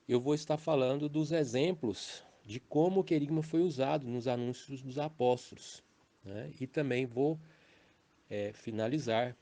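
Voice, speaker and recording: A man with a Brazilian Portuguese accent giving a recorded teaching on preaching, measured and explanatory, often tagging his phrases with a questioning "né" or "tá". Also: mid-range voice, dark tone. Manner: measured, explanatory, with frequent "né" and "tá" tags. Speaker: preacher teaching a formation course. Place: home recording for a messaging app.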